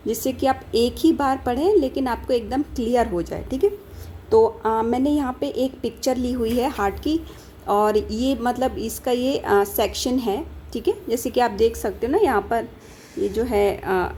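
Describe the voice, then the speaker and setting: A pharmacy tutor from India gives a casual lecture, talking fast in a rhythm that speeds up as she teaches. She keeps asking and answering her own questions and checks in with students after almost every point, peppered with "theek hai". Her voice is fairly high pitched with a dark tone and a little hiss or hum.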